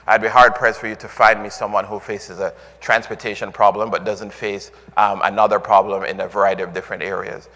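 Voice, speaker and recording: Low-voiced man speaking in a reverberant hall. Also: flat delivery, brisk, hardly any pauses, bright, forceful tone. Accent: Jamaican. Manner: filler-heavy, restarts often, earnest. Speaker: conference speaker. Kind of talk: conference keynote talk.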